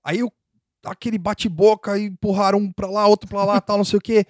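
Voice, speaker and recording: A man's voice: sits high, little pitch movement, quick pace, no echo, clean studio sound. A man telling a story in a casual chat, rambling with many fillers and frequent laughs.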